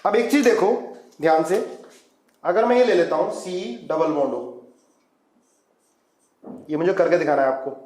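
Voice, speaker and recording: A man's voice: fairly high pitch, a little slow, pauses often, darkish tone, echoey room, poor audio. A man teaching a chemistry lecture at a whiteboard, coaxing students and calling them "beta" as he walks through reaction mechanisms. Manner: coaxing, calls students "beta", asks them to follow along.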